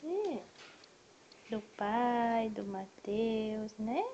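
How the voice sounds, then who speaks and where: A woman's voice: a little high, big pitch swings, slow pace, a little mellow, slight background noise. A woman talking baby talk to her pet at home, coaxing and drawing out her words in a sing-song way. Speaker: pet owner. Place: indoors at home, by a door. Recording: dull lo-fi home video.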